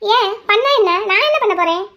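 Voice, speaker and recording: Brief: a woman playing a defiant young cartoon heroine, high and quick, outspoken. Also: animated, bright, forceful tone, full character voice.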